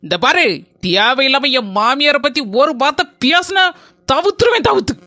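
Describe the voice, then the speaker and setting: A woman voicing a sharp-tongued, quick-tempered young daughter-in-law with a Kanyakumari Tamil accent, blunt and sarcastic. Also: sits high, very animated, exaggerated voice. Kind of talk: cartoon voice acting.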